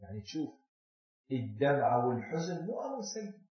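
A man giving a religious lecture, posing rhetorical questions and swinging between loud emphasis and near-hushed asides. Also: medium pitch, big pitch swings, brisk. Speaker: religious speaker. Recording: echoey hall on a dull, lo-fi recording.

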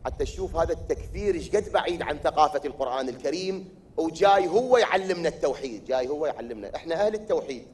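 High-voiced Iraqi preacher. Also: male voice, animated, racing, husky. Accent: Iraqi Arabic. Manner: poses rhetorical questions and answers them himself; builds to loud emphatic declaiming. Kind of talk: religious sermon.

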